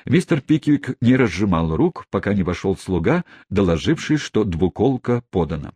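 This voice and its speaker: Husky low male audiobook narrator. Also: normal speed, dry recording. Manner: expressive storytelling. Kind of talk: scripted narration.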